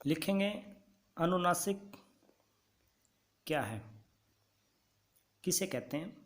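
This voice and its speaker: A male teacher giving a grammar lesson, dictating notes slowly and repeating key points for students to write down. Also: sits high, animated, a bit bright.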